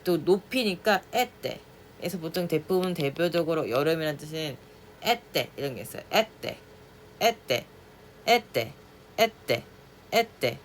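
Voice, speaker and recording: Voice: mid-range voice, slight background noise. A teacher giving a casual spoken pronunciation lesson, repeating vowel sounds over and over to demonstrate them and slipping between casual and polite speech. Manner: mixes casual and polite speech, asks the listener to follow along.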